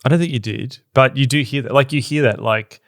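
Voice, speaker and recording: A man's voice: medium pitch, fairly quick, no room sound, studio quality. A man co-hosting a podcast, chatting loosely with many restarts and fillers. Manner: rambling, many you-knows and restarts. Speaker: podcast co-host. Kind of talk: casual chat.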